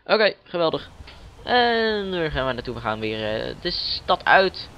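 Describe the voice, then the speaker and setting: A man's voice: fairly high pitch, sing-song, measured pace, pushed and bright, muffled recording, slight background noise. A man giving playful, chatty commentary while playing a video game, joking with the characters. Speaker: let's play gamer. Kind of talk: casual gameplay commentary.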